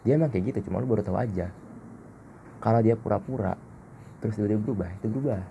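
A man's voice: fairly low pitch, fast, vocal fry, mellow, muffled recording, slight background noise. A man hosting a casual solo podcast, blunt, slangy and self-mocking. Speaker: podcast host.

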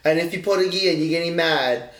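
A woman's voice: on the low side, fast talker. A woman with a local Hawaiian accent chatting casually and teasingly as a podcast co-host, in colloquial speech. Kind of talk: casual chat. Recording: roomy echo.

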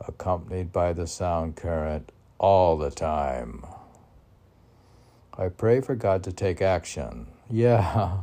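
In a low, creaky, mellow voice, an American poet reads his own poems informally, drifting into rambling commentary and thinking aloud as he goes back over lines. Faint background noise is present.

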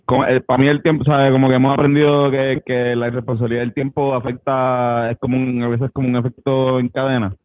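A man's voice: mid-range voice, little pitch movement, a little fast, hardly any pauses, no room sound, narrow, tinny audio. A man chatting loosely as a band member guest, swearing and laughing often. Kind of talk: casual interview chat.

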